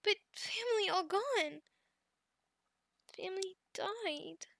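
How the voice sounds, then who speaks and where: In an ASMR roleplay, a woman plays a sweet, childlike adult female goblin who is devoted, speaking in broken third-person sentences that are halting and excitable. Her voice is very high, gravelly and exaggerated, and the mood is sad.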